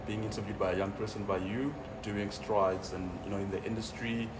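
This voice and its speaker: Low-voiced young South African man, off-mic. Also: a little fast. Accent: South African English. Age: 20s. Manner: relaxed, many fillers like you know. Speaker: interview guest. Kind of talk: casual interview. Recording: distant mic, noisy room.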